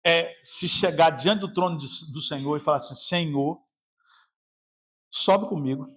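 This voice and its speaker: A pastor with a Brazilian Portuguese accent preaches a sermon at a church service, his voice swinging between shouts and a quiet, lowered tone.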